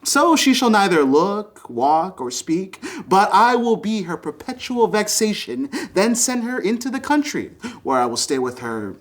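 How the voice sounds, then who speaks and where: An actor playing a domineering, scheming young gentleman suitor in arch, pompous Restoration-comedy style. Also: medium pitch, very animated, unhurried, hardly any pauses. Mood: smug, scheming. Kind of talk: Restoration-comedy stage acting, arch period dialogue.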